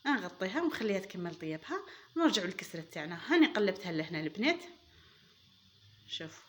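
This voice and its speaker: Fast-talking Algerian woman cooking host. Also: mid-range voice, very animated, slight background noise. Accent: Algerian Arabic. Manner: chatty, addresses viewers as girls, enthusiastic praise. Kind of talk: casual cooking demonstration.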